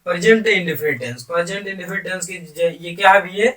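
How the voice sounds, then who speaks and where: Picked up by a distant microphone, this man talks fairly quickly in a high, pushed, bright voice. Like a schoolteacher, he runs a Hindi grammar lesson sprinkled with English terms, addressing his students with repeated phrases and questions.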